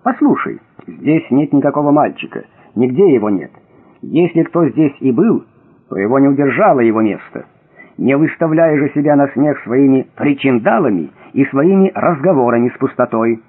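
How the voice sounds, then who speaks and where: A man voicing a calm, mysterious male watchman who lectures patiently and a little mockingly. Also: medium pitch, normal speed, breathy edge. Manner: calm, instructive, slightly mocking. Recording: thin phone-like audio.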